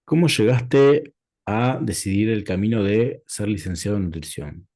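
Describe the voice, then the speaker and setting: A man with an Argentine accent hosting a sit-down interview, asking questions in a measured way and laying out topics one after another. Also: on the low side, dark tone. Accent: Rioplatense Spanish. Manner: measured, introduces topics in lists. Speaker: interviewer host.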